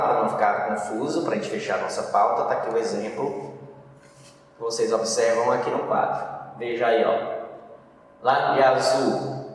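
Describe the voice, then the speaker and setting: Brazilian man teaching in a boomy room. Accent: Brazilian Portuguese. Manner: didactic, checks in with tag questions. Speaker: Portuguese grammar teacher. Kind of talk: recorded video lesson. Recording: echoey room, voice from a distance, faint noise.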